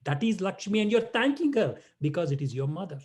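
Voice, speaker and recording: A man's voice: high voice, sing-song, a little fast, darkish tone. A man giving a playful talk to children over a video call, teasing and chanting verses. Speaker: guest speaker.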